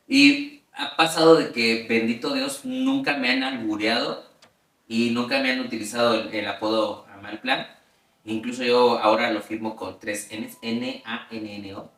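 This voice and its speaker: A Mexican man talks through his stories as an interview guest, loose and chatty, full of fillers and quick laughs. His voice is bright and forceful. The mic sits some way off in a roomy space. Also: medium pitch. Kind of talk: casual storytelling. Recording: roomy sound, mic at a distance.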